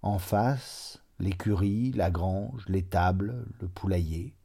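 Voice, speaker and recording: Man, audiobook narration, measured reading, dark tone, low voice. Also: creaky.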